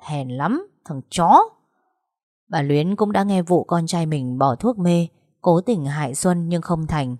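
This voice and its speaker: A woman narrates a dramatic family story in a steady telling voice. Her voice is low for a woman, and the recording is dry and close with no room sound. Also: unhurried, no room sound.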